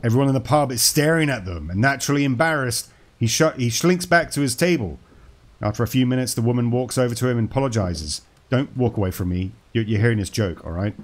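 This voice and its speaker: A man's voice: mid-range voice, lively intonation, fast talker. A man casually commenting on a horror game as he plays, joking and talking to the game's characters. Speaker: gaming channel host.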